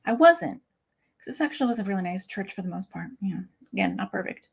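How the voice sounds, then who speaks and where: A young adult woman talks openly as an interview guest. Her delivery is candid and emotional, loose with casual fillers. Her voice sits at an ordinary middle pitch. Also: lively intonation, fast, gravelly, husky. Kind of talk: candid personal interview talk.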